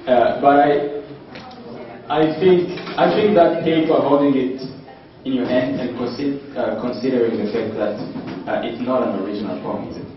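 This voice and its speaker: A man judging a talent show, giving critique in a halting, hesitant way with repeated words. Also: medium pitch. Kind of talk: live spoken critique to a contestant. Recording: echoey hall, distant dull microphone, faint noise.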